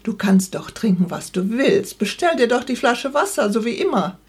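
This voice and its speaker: A woman reading aloud as an irritable, sharp-tongued middle-aged wife who snaps sarcastically. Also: a little high, very animated, moderate pace, slightly rough, voice pushed up, exaggerated voice. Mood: sarcastic. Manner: snappy, sarcastic read dialogue.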